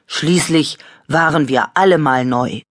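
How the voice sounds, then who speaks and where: A kindly stuffed toy lion, as a woman reading a storybook voices him, speaking low and unhurried. He reproves softly, never harsh. The recording is close and dry. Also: no room sound. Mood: reproving. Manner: gentle, reproving, low-key.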